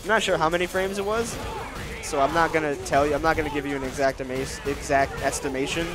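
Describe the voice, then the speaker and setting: A man handles casual commentary on a fighting game event stream, going through viewer questions and giving his answers. His voice has a nasal quality, and he tries to keep it pitched lower than usual.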